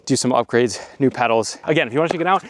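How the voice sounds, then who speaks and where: A man's voice: mid-range voice, very fast, no room sound. A man reviewing an electric bike, talking enthusiastically to viewers while riding mountain bike trails outdoors and getting out of breath. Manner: enthusiastic, exclamatory, addresses viewers as guys. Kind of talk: excited ride-along commentary. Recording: outdoor recording with loud wind and riding noise.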